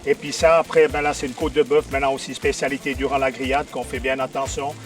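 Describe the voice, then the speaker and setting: A man's voice: mid-range voice, little pitch movement, quick pace, recorded from a distance, soft background music. A middle-aged man with a Fribourg Swiss French accent, explaining his butcher's products in an interview, hesitant and repeating words. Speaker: artisan butcher, guest.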